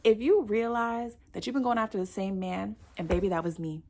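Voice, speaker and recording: A woman's voice: mid-range voice, fairly even intonation, brisk, darkish tone. A millennial woman from South Florida giving chatty, sassy dating advice straight to her viewers, calling them girl and babe. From South Florida, United States. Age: millennial, 30s. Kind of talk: casual direct-to-camera advice.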